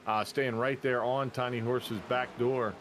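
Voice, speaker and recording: A man calling a race in casual play-by-play. He is chatty and jokey, with quick bursts of excitement. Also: mid-range voice, a little hiss or hum. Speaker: race commentator.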